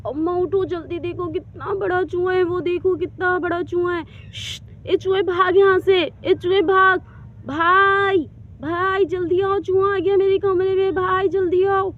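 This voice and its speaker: A woman voicing a frightened young girl in a doll story, shrill and screaming for help. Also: fairly even intonation, unhurried. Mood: panicked. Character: panicky young girl shrieking at a rat. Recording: dull lo-fi with loud background noise.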